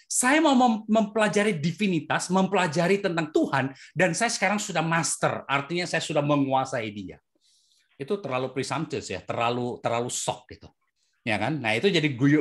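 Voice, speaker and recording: A preacher from Indonesia giving a chatty, conversational sermon, often asking the listeners "right?" as the voice rises and drops. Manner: swings between high and low pitch.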